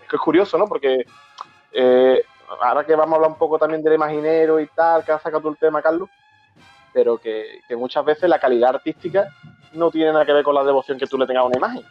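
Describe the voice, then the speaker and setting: A man hosting a talk, telling a memory with many stops and repeated words. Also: a little high. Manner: halting, repeats words, moved. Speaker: host of a brotherhood talk show. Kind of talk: emotional storytelling in casual chat. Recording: dull lo-fi sound with faint music.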